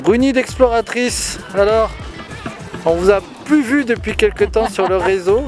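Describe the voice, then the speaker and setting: A man's voice: high voice, measured pace, over loud music. A man off camera asking playfully formal, reporter-like interview questions outdoors.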